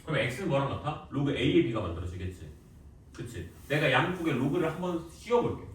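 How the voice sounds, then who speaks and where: A man's voice: mid-range voice, normal speed. Guy teaching math in a classroom, teasing, voice bouncing around the room, faint background noise. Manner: lively, teasing, quizzes students with short questions. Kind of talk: classroom lecture. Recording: echoey classroom, voice from far off.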